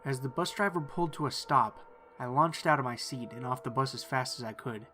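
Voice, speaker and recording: A man reading first-person horror stories in a calm, measured storytelling voice. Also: mid-range voice, soft background music. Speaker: narrator. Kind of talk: scripted horror narration.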